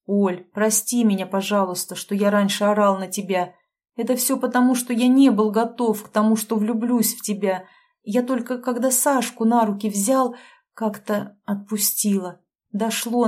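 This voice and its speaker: Woman narrator reading young husband, guilty, quiet, apologetic, gentle. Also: medium pitch, fairly even intonation, moderate pace, lightly acted.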